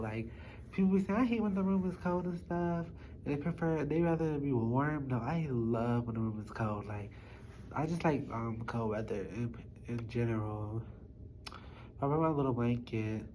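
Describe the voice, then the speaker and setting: A woman's voice: very deep voice, moderate pace, a little mellow, slight background noise, rough recording. A young woman vlogger chatting informally to her viewers in a small study room, with loose articulation. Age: young adult. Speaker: YouTube vlogger. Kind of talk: casual chat to viewers.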